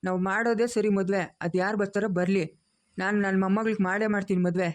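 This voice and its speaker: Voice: medium pitch, fairly even intonation, close to an everyday voice. Someone voicing a stern commanding grandfather. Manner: scolding, commanding, rapid. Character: stern elderly grandfather, head of family. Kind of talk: cartoon family drama dubbing.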